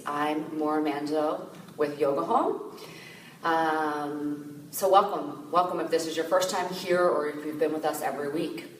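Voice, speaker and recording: A woman meditation teacher calmly guiding a meditation, speaking gently and slowly with soft fillers. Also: low-pitched. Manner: gentle, slow, soothing guidance with soft fillers. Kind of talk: guided meditation. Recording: echoey room, distant mic, noisy ambience.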